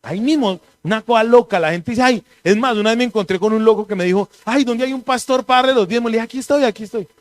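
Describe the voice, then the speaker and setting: A pastor preaches in a loose, conversational way. His voice sits high for a man, and he tells animated stories with a joking edge. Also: quick pace, hardly any pauses, no echo. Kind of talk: conversational sermon.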